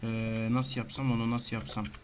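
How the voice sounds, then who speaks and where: A man giving casual commentary on his own gameplay, talking to himself and breaking into frantic shouting and rapid repeated words. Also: mid-range voice, level tone, a little hiss or hum. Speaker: gamer.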